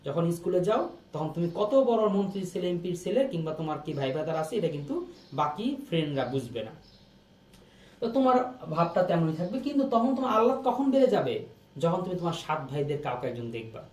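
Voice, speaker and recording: Lively teacher in echoey room. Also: male voice, a little high, fast, recorded from a distance. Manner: lively, repeats questions to students. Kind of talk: exam prep lesson.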